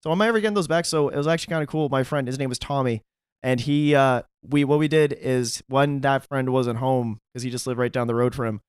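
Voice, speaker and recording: A young man co-hosting a podcast, chatting casually, quick to laugh and swearing freely. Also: medium pitch, fairly even intonation, clean tone, no echo, studio quality. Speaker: podcast co-host. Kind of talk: casual chat.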